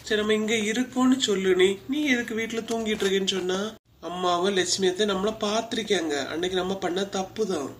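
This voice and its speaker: A woman's voice: medium pitch, fairly even intonation, quick pace, a little hiss or hum, close to an everyday voice. A woman voicing a firm but caring village woman in a cartoon, speaking with a Kanyakumari Tamil accent. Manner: firm, scolding, consoling. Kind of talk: cartoon voice acting.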